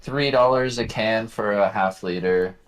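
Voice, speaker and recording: A man's voice: on the low side, unhurried. A man, a guest brewer giving short laid-back answers in casual chat.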